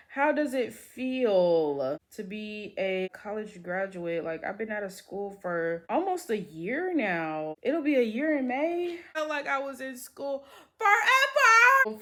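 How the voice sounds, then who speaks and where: With a mid-range, slightly bright voice, this woman in her twenties from the United States chats to camera as a beauty vlogger. Her casual, upbeat talk is full of filler words.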